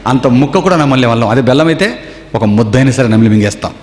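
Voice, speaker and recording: A man's voice: mid-range voice, expressive, fast, a little mellow. A man preaching a sermon to a gathering. He tells stories and keeps firing rhetorical questions at his listeners. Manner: storytelling with rhetorical questions to the audience. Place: seminar hall. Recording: echoey hall with long reverb.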